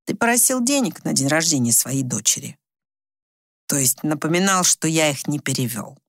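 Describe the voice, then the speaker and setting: A woman voicing a tired, bitter older husband who speaks slowly and low in an audiobook story. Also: expressive, no room sound, studio quality. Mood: weary. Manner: tired, slow, low and resigned.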